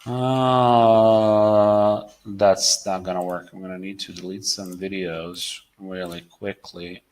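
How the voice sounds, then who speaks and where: A man hosting a casual live webinar Q&A, reading out viewers' questions and demoing software, talking haltingly with many fillers and repeated words. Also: low-pitched, little pitch movement. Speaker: webinar host answering product questions.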